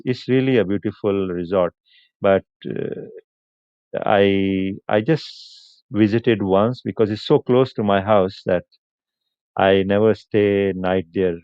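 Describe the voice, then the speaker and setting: Here a Punjabi-speaking man hosts a casual live stream, chatting slowly with his audience, replying to comments, and breaking into laughter often. The voice is low-pitched and smooth, clearly heard. It's a dry recording with a slightly muffled quality.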